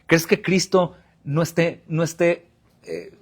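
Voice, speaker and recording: Male pastor, Mexican Spanish accent, high-pitched voice, sermon delivery, asks and answers his own questions. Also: big pitch swings, takes it slowly. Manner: preaching with rhetorical questions and answers; addresses the congregation as brothers.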